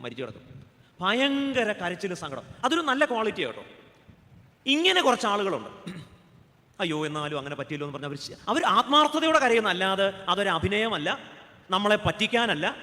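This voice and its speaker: A man's voice: high voice, sharp tone, in a large hall. A man, a pastor with a Keralan accent, giving a humorous sermon, joking and asking the audience questions. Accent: Keralan Malayalam.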